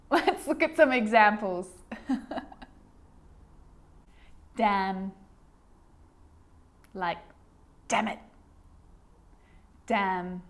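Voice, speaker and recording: A woman teaching English pronunciation who says each example word twice, slowly and clearly. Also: medium pitch. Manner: models words twice, clearly and deliberately. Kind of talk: slow instructional explanation.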